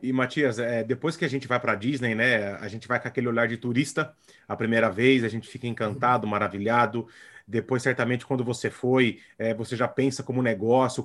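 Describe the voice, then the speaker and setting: A man hosting a podcast who asks his guest a long, measured question, with a few filler words. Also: medium pitch. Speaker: podcast host. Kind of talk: interview question.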